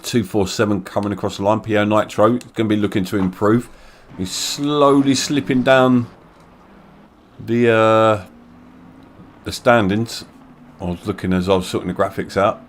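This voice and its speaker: A man giving casual live commentary on an online sim race, chatty and quick to laugh. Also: lowish voice, steady tone, a little hiss or hum. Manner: chatty, laughs often, jokey asides.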